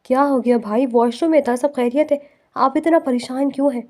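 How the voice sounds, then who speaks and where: A proud, hot-tempered businessman in a spoken storybook, read by a woman. The voice sits high with a dark, mellow tone. It is a plain reading. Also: lightly acted. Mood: bewildered. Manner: bewildered, then furious and shouting.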